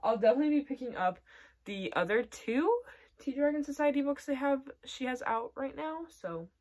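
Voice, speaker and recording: A woman's voice: high voice, animated, moderate pace, a little mellow. A young woman talks through her monthly reading in a loose, chatty way. She fills her speech with "like" and "um" and laughs every so often. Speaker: book vlogger. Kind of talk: casual monthly reading wrap-up.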